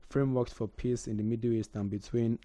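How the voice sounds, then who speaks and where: A man's voice: medium pitch, fairly even intonation, a little fast, warm tone. A man co-hosting a casual history talk, often hesitating and repeating words as he thinks. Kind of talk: casual radio history chat.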